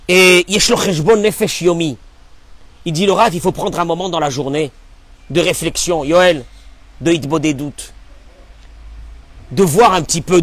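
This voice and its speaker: Rabbi teaching a class, high husky voice, emphatic and full of rhetorical questions. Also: male voice, no echo. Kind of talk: Torah class sermon.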